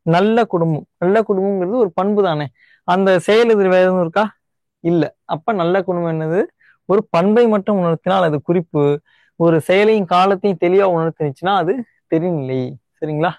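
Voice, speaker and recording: A young male teacher with a Tamil Nadu Tamil accent explains grammar step by step, slowing down to repeat each key word. His voice sits high for a man. The sound is dry and close, with no room echo. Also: darkish tone. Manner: explains step by step, often checks in with "right?"; repeats key words slowly to stress them. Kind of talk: online exam-prep lesson.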